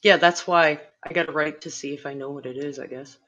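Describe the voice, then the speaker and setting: A woman's voice: deep voice, fairly even intonation, a little fast, lo-fi sound, very noisy. A woman playing a tabletop role-playing game, describing her character's actions in a playful, giggly way. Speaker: player. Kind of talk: casual tabletop role-play.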